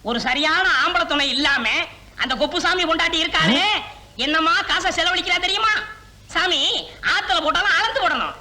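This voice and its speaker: Gossipy village lady, very high bright voice. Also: normal speed, heavily acted. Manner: confiding, gossipy.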